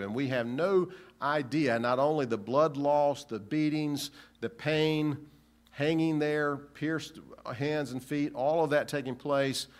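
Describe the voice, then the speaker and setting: A man preaching a sermon in an earnest, searching way, asking rhetorical questions and often restarting phrases. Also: mid-range voice. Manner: halting restarts.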